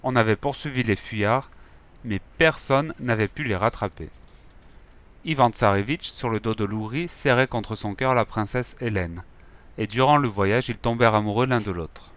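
A man narrating a fairy tale in a calm, measured reading voice. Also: lowish voice.

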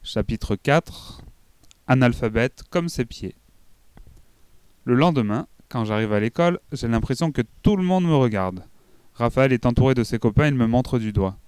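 A man reading a children's book aloud in an expressive storytelling manner. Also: mid-range voice, normal speed, clean tone, dry recording. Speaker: audiobook reader. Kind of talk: scripted narration of a children's book.

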